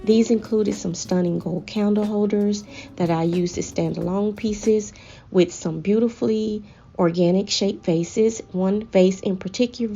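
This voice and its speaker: A woman narrates a home makeover as a scripted voice-over, with measured, deliberate phrasing. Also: mid-range voice, creaky, dark tone, lo-fi sound. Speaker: home decor vlogger presenting a makeover. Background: background music.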